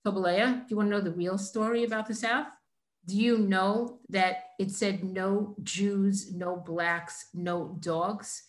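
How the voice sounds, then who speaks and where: A woman's voice: medium pitch, steady tone, a little slow, reverberant, lightly acted. A woman quoting a stern, scolding father. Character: stern, angry father scolding his daughter.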